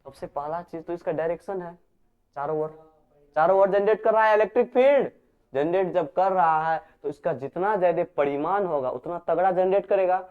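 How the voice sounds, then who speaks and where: Male teacher, high smooth voice, quizzing students through a lecture on a lo-fi recording. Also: normal speed. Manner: repeats key terms as questions, scolds students. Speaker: physics teacher. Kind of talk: classroom lecture. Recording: dull lo-fi recording.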